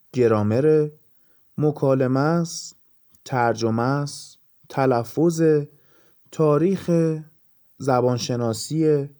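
A man's voice: fairly high pitch, warm tone. A man from Iran with a Persian accent hosts a podcast, explaining ideas in short listed phrases. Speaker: podcast host. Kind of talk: scripted podcast monologue.

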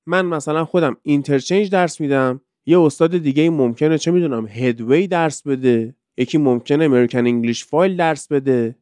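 A man's voice: a little high, few pauses, darkish tone, clean tone, no room sound. A man from Iran who teaches English, hosting a casual podcast and explaining things through rhetorical questions.

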